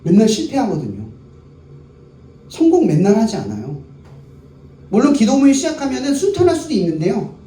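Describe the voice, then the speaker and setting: A man's voice: high-pitched, huge pitch swings, brisk, pauses often, mellow. A male pastor preaching a sermon to a youth service, keeping the crowd engaged by asking them questions and answering them himself. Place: worship hall. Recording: echoey room, voice picked up from a distance, faint background noise.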